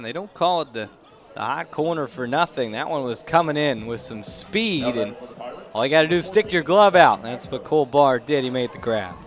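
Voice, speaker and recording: At an outdoor ballpark during a live game, a young adult man calls baseball play-by-play. His voice runs on the high side and a bit bright, set against noisy outdoor crowd ambience.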